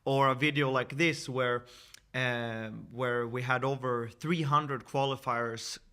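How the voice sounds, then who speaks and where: A man's voice: medium pitch, steady tone, unhurried, bright, forceful tone, smooth. A man in his thirties from Sweden, giving an earnest, persuasive screen-share sales presentation with frequent fillers and restarts. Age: 30s. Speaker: network marketing presenter.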